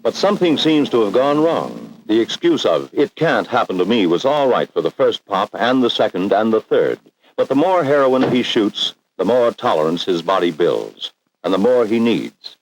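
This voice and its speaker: A deep American male narrator delivers dramatic, scripted 1960s documentary narration for an educational film, grave, ominous and emphatic, with a sing-song lilt at normal speed. The rough recording is a vintage 1960s film soundtrack, backed by dramatic music.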